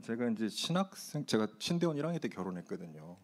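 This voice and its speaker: Candid pastor telling a story on himself. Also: male voice, on the low side, very animated, fast. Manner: candid, self-mocking storytelling. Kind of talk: testimony at youth retreat Q&A.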